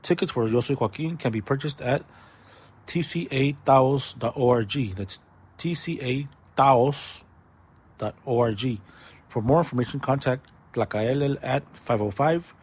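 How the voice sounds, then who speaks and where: A man with a husky, breathy edge reads a run of community announcements in a steady, mid-pitched voice. He slows down and spells things out when giving phone numbers and web addresses. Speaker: community events host. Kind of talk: read announcements.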